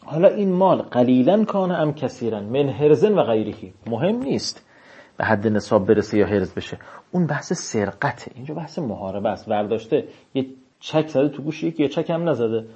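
A man giving a seminary lecture on religious law. He reads classical text out slowly, then explains it in casual speech. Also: mid-range voice, expressive, mellow, slightly rough, highs cut off.

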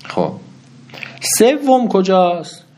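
A man teaching a grammar lesson, explaining step by step and often asking the listener questions. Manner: lively, swinging pitch.

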